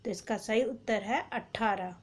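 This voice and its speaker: A woman's voice: mid-range voice, measured pace, husky. A woman teacher giving an exam prep lesson, reading out quiz questions, numbering each option and then announcing the correct answer.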